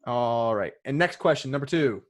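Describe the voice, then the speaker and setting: A man's voice: mid-range voice, animated, moderate pace. Casual man hosting a trivia quiz. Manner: reads quiz questions and options, joking asides. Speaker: podcast host running a trivia quiz. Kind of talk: casual podcast chat.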